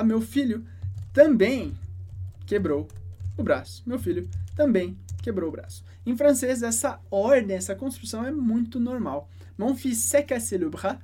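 A woman teaching French, explaining a dialogue line by line and repeating each phrase slowly and carefully. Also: medium pitch, a little mellow.

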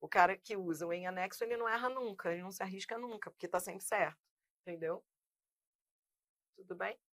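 A Brazilian woman teaching a lively Portuguese grammar class, emphatic and drilling students with repeated examples. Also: medium pitch, brisk, no echo.

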